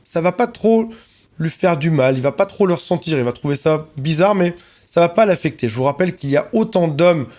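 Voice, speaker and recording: A man's voice: fairly high pitch, lively intonation, brisk, a little mellow. A man, a relationship coach, talking to camera in an earnest, reassuring way and listing points in repeated phrases.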